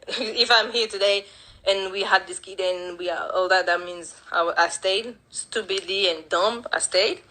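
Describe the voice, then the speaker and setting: A woman telling a painful personal story in a halting way, with many restarts and retold dialogue, speaking English as a with as her first. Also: mid-range voice, bright, forceful tone, rough recording. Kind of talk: emotional personal account.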